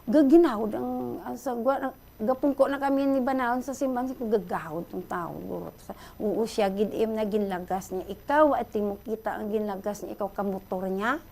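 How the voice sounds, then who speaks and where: A middle-aged Filipina with a Hiligaynon accent, calling in to a radio show and excitedly retelling a story. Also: female voice, on the high side, normal speed, creaky. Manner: excited, breathless retelling, addresses host often. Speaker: caller.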